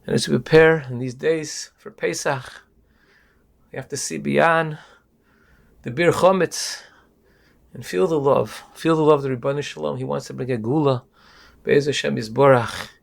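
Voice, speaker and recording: Gravelly-voiced man telling a dramatic story. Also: steady tone, moderate pace, long pauses. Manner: dramatic, builds to high emotional peaks. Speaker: Torah podcast speaker. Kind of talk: emotional storytelling talk.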